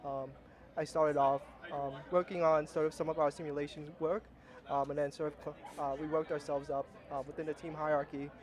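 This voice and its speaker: A man's voice: on the high side, little pitch movement, a little fast, a little mellow. A young man from Vietnam, a rocketry team's flight simulation lead, talking casually outdoors at a launch site with many fillers and restarts. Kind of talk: casual interview.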